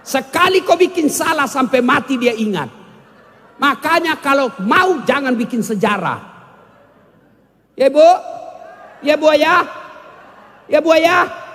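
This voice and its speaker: His voice is very high with a fairly bright tone, trailed by a long reverb. Before a large hall audience, he preaches humorously, trading jokes with listeners and singing fragments of songs.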